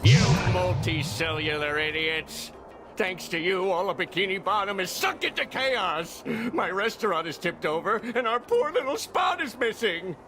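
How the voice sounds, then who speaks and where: A man's voice: sits high, expressive, moderate pace, music in the background. A man voicing a tiny, conceited villainous plankton in a cartoon game, indignant, pompous and scolding. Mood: indignant, furious. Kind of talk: cartoon video game acting.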